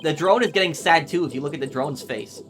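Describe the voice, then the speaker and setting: Man giving quiet game commentary. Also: a little high, quick pace. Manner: quiet, casual asides between read lines. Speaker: gaming YouTuber. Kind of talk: game playthrough commentary and reading.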